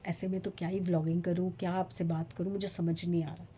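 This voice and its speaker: Low-voiced chatty woman vlogger. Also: little pitch movement, fast talker, mellow, slight background noise. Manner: rambling, chatty, many fillers. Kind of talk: casual vlog chat.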